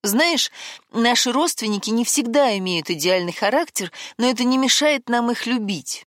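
A woman voicing a worried young woman who gently but persistently presses her partner, in an audiobook. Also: on the high side, expressive, normal speed, no room sound, clean studio sound, voice pushed up. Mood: pleading.

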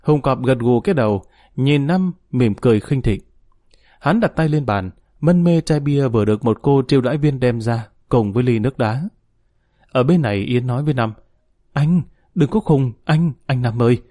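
A man's voice: medium pitch, dry recording. Man narrating a novel, dry sound. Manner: steady, measured storytelling. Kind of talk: audiobook narration.

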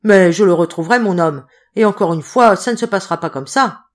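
A woman reading an audiobook, voicing an excitable male court clerk who is indignant and emphatic. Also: medium pitch, normal speed, close to an everyday voice. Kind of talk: audiobook character voice.

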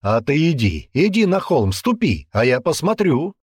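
A man voicing a hot-tempered, brutish young man who rants and yells threats in an audiobook. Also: fairly high pitch, lively intonation, moderate pace, no echo, studio quality, voice pushed up. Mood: ranting. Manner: aggressive ranting, yelling threats. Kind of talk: audiobook character voice.

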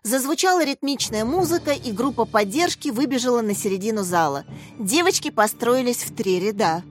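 A woman narrating a children's story in a lively, expressive reading. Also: a little high, fairly quick, soft background music. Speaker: audiobook narrator.

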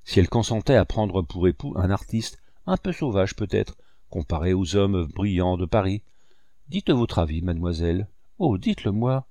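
A man's voice: sits low, animated, moderate pace, warm tone, no room sound. A man reading aloud voices an ardent young painter, earnest and instructive, who turns to tender pleading.

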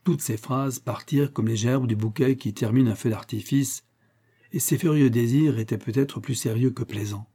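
Male audiobook narrator, warm mellow tone, measured literary reading. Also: medium pitch, breathy edge.

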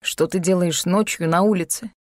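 A woman's voice: on the low side, fairly even intonation, normal speed, darkish tone, dry recording, studio quality, lightly acted. Woman doing a curt, anxious man. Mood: worried urgent.

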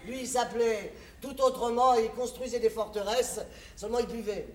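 A woman's voice: on the high side, fairly even intonation, fairly quick, a little mellow, close to an everyday voice. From a distant, echoing stage with faint noise, a woman plays a tough mother and war trader. Her delivery is blunt, wry and scolding, theatrical and fiercely protective. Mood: wry, brazen.

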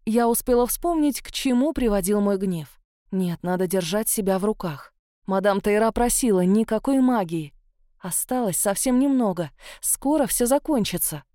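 Warm-toned woman narrating an audiobook. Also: mid-range voice, dry recording, studio quality. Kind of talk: first-person novel narration.

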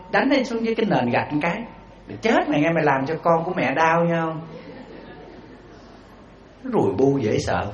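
A man gives a dharma talk, telling stories and acting out the voices in them. His fairly high voice leaps up and down as he keeps asking the audience questions. The hall recording is roomy and a little dull. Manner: animated, acts out quoted voices; addresses the audience with rhetorical questions. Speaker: Buddhist monk giving a dharma talk.

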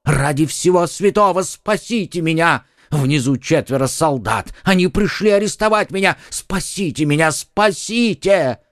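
A frightened little tradesman bursts in, his voice flying high and cracking with panic, as a male audiobook reader puts him on. Every plea comes out as a shrill, desperate squeal, close and dry on the recording. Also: lively intonation, a little slow, hardly any pauses, no room sound. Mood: panicked. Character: terrified middle-aged male shopkeeper begging for help.

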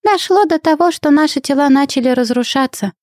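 A woman's voice: sits high, brisk, darkish tone, dry recording, studio quality, natural voice. A woman voicing an ancient female alien soul trapped in a guinea pig, telling her tale with sighs of world-weariness. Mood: grave. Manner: sighing, world-weary storyteller. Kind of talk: audiobook character voice.

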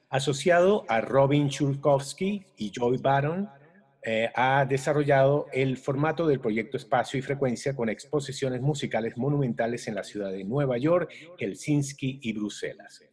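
A man's voice: medium pitch, moderate pace, darkish tone, slightly rough. A man hosting a conference, reading a formal, courteous scripted introduction of a guest speaker.

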